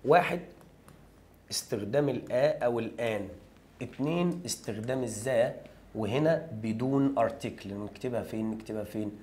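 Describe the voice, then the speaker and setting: A man with an Egyptian Arabic accent teaching an English grammar lesson, talking lively and straight to the students, asking questions and answering them himself. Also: mid-range voice, normal speed.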